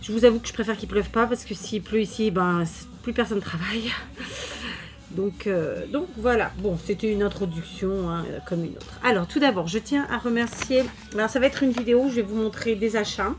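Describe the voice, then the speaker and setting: A crafting YouTuber with a mid-range voice talks a little fast, with faint music behind her, as she unpacks her crafting mail for viewers. She's chatty and warm with her thanks, full of fillers and restarts as she shows off mail and purchases.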